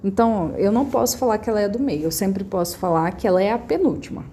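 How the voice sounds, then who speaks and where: A woman's voice: mid-range voice, quick pace, warm tone, slight background noise. A Brazilian woman teaching a primary class from her phone, patiently repeating key points and checking that the children follow. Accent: Brazilian Portuguese. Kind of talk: recorded remote class explanation.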